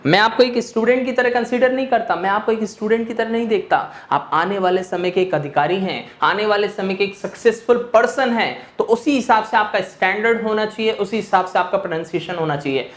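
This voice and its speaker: A man's voice: high voice, fairly quick, few pauses, a bit bright. Echoey male teacher drilling his class. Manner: asks questions and answers them himself, drilling words; mixes English phrases into Hindi explanation. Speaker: English teacher. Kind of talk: online classroom lecture. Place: teaching room with a board. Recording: echoey room.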